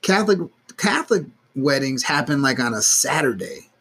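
A podcast co-host tells stories in casual conversation, swearing freely and acting out quotes as an animated storyteller. His voice is husky and medium-pitched, and he talks at a normal speed.

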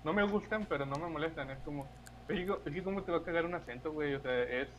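A man's voice: on the high side, fast, lo-fi sound, a little hiss or hum. A young Mexican man co-hosting a podcast in casual chat, easygoing and hesitant, often repeating himself. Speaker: podcast co-host.

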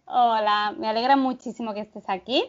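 A woman's voice: fairly high pitch, fairly even intonation, fairly quick. A woman hosting an interview, enthusiastic and a little hesitant, often repeating words. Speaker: interview host. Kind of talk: conversational interview. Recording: dull lo-fi sound.

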